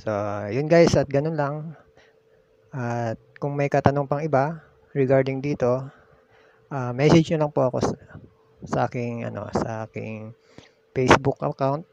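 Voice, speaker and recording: Unhurried and creaky, a little mellow, with frequent pauses, a Filipino man at medium pitch hosts a casual demonstration, explaining instructionally and repeating key steps. There's no room sound, though the audio is muffled and lo-fi with background noise.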